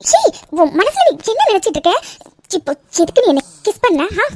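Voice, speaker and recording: A prickly young woman snaps back at an unwanted suitor with sharp, scolding retorts, as a woman voices her. Her voice sits very high. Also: sing-song, a little fast, over music. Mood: annoyed.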